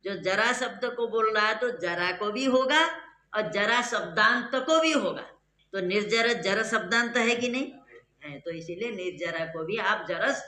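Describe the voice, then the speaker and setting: Teacher, bright and clear, patient step-by-step explainer who keeps quizzing the class; echoey room. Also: medium pitch. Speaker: Sanskrit grammar teacher. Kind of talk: classroom lecture.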